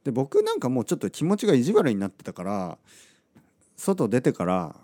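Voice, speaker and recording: Male podcaster, casual anecdote teller, warm dark voice, acts out the people he quotes, leaves almost no room sound. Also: medium pitch, a little fast, no room sound. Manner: animated, acts out quotes, asks listeners rhetorical questions. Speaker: podcast host. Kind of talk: casual storytelling monologue.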